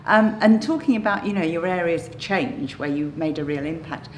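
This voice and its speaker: A woman's voice: low voice, moderate pace, echoey room, a little hiss or hum. A woman interviewing a guest, asking questions in a thoughtful, slightly hesitant way.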